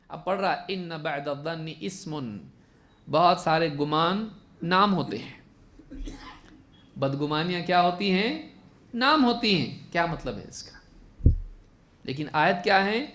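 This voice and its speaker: Male Islamic scholar, a touch high-pitched, religious lesson, answers his own rhetorical questions. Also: a bit bright. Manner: asks rhetorical questions and answers them himself; quotes and recites Arabic slowly to contrast letter sounds.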